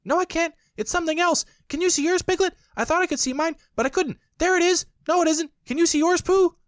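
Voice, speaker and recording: Tiny young kangaroo, very high squeak, eager and breathless, lively, dry sound. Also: male voice, fast, no room sound. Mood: excited. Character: excitable little young kangaroo boy.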